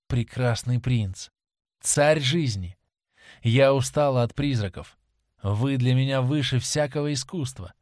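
A man's voice: mid-range voice, no room sound, lightly acted. A man reading the part of a young stage actress in an audiobook, in an impassioned, pleading way, recorded dry. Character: young woman, a stage actress, passionate and devoted.

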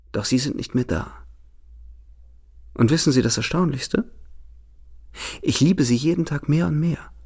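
A man giving a dramatic reading of a novel as a feverish young man in love, shifting between hushed words and sudden exclaiming. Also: mid-range voice. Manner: impassioned, swings from hushed to exclaiming. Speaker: narrator.

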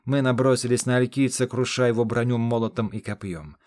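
A man's voice: medium pitch, fairly even intonation, fairly quick, darkish tone. A man narrating a fantasy battle in first person, in an intense, dramatic storytelling manner, on a close studio mic. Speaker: audiobook narrator. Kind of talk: scripted narration.

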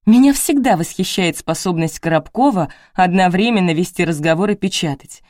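A woman narrating a novel in the first person, brisk and lightly ironic. Her voice sits fairly low, and the recording is dry and close with no room sound. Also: darkish tone, dry recording. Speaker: audiobook narrator.

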